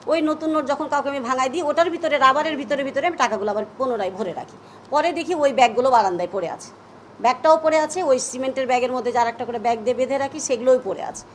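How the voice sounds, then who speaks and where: Fast, high-voiced Bangladeshi woman. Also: slight background noise. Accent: Bangladeshi Bengali. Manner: emphatic, agitated retelling. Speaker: press conference speaker. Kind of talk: reading a statement, then answering questions.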